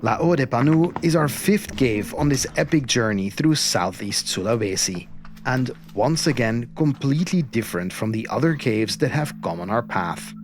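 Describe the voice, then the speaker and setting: A man narrating an expedition documentary in a measured, reflective and earnest way, as its host. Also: mid-range voice, lively intonation. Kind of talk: scripted documentary-style narration. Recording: music behind the voice. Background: music.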